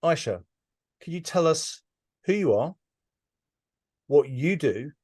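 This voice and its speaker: A man's voice: on the high side, lively intonation, takes it slowly, a little mellow, breathy edge, no echo, studio quality. A man hosting a business interview, enthusiastic and repeating words as he restarts his questions. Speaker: interviewer, host.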